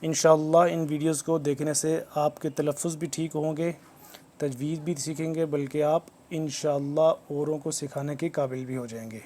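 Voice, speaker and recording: Calm, mellow male Quran teacher. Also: fairly high pitch. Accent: Pakistani Urdu. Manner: recites verses slowly and melodically, then spells letters and explains rules calmly. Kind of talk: slow tajweed lesson with chanted recitation.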